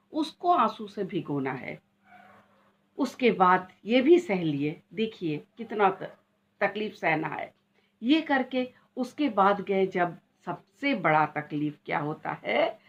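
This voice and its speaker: A woman's voice: medium pitch, a bit bright. A middle-aged woman vlogger telling her story in a dramatic, lamenting way, full of exclamations. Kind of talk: dramatic personal monologue. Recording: dull lo-fi recording.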